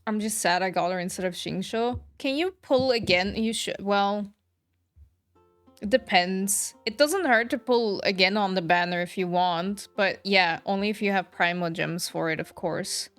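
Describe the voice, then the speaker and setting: During a game stream, a woman casually chats with viewers and reacts informally to what they say, music playing in the background. Her mid-range voice is a bit bright and moves at a normal speed.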